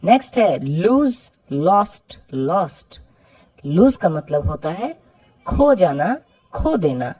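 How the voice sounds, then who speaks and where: A woman teaching English verbs, repeating each example sentence slowly and clearly. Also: on the low side, very animated, warm tone, poor audio. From India. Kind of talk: slow lesson explaining English verbs in Hindi.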